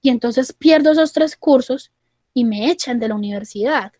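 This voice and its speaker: A woman's voice: high voice, normal speed, warm tone, no echo. A woman quoting an anxious young male student who keeps insisting on the worst case, in a plain, dry recording.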